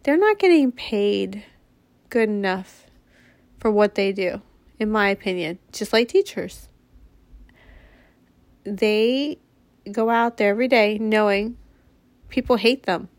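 A podcast host with a head cold, sounding nasal and sniffly, delivers a casual, frank monologue full of blunt talk and free swearing. Her voice is mid-range and animated, moving at a slow pace with long pauses. There's no room sound in the recording.

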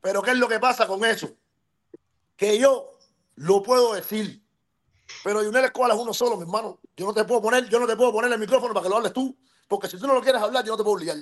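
A man with a Cuban accent talks in a high, ringing voice on a podcast. He is passionate and emphatic and leans hard into every point. He cuts in to keep the floor and keeps asking whether his listener understands. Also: fast. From Cuba. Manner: insistent, interrupts to hold the floor. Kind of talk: heated podcast talk.

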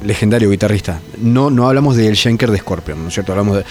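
Low-voiced Rioplatense man telling tour stories. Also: fast, a little mellow, faint music behind. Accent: Rioplatense Spanish. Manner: storytelling, rambling with many restarts and tag questions. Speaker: touring metal musician guest. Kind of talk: casual interview chat.

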